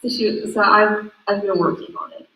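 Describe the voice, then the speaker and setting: Teen girl guest speaker, chatty and giggly, mid pitch, echoey room. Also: fairly even intonation, moderate pace, fairly bright tone, distant mic. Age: late teens. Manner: chatty, giggly, many likes. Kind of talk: casual conversation. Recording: roomy room echo.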